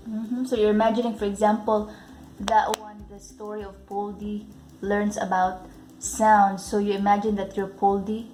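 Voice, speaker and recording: A woman, a parent, chatting casually in a home vlog and gently prompting her child with simple questions. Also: medium pitch, little pitch movement, normal speed. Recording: roomy echo.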